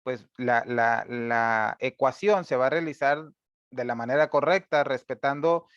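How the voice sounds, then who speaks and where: A man teaching a screen-recorded programming lesson, patient and step by step, filling pauses with "eh" and checking in with "¿verdad?". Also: medium pitch, a bit bright, smooth, dry recording, highs cut off. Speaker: instructor.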